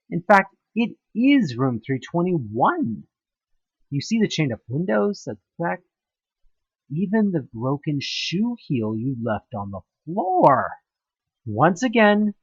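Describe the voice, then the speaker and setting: As an audio play narrator, a man reads a scripted second-person story, stretching words out in a theatrical, emphatic style. His voice sits on the high side and sounds husky. The recording is dry with no echo, but the audio is dull.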